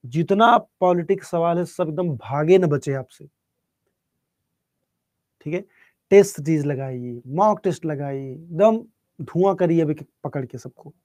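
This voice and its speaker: A man teaching a live online exam-prep class, speaking softly and unhurriedly while answering students' chat questions. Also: a little high, no echo. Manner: soft-spoken, calm and unhurried.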